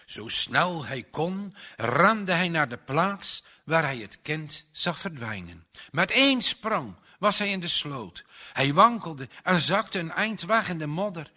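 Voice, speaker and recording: A man reading a children's story aloud, slow and dramatic, with tense pauses. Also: on the high side, very animated, sharp tone. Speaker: narrator. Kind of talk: storybook narration.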